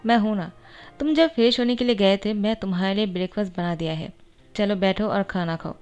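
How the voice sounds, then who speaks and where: Lady doing a flirty teasing bully guy, soft music under it. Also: mid-range voice, brisk, smooth, lightly acted. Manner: teasing, playful.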